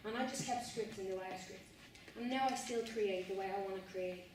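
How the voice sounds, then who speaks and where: A woman's voice: medium pitch, fairly quick. Young woman, guest speaker, loose filler-heavy chat; mic distant in a very echoey, noisy room. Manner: conversational, frequent fillers. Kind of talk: casual talk to a student group. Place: university room.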